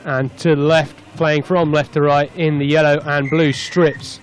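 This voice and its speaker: A man's voice: fairly high pitch, measured pace, soft background music. A man commentating live on a rugby tens match from the stand of an open stadium, chatty between plays and lifting when play breaks open. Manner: chatty, rising excitedly on breaks.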